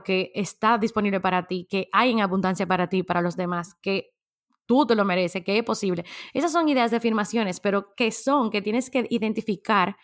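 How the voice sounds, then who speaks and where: A woman giving a casual motivational talk, speaking straight to her listeners and laughing easily as she chats. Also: medium pitch. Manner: chatty, addresses listeners directly, laughs easily. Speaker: self-help speaker.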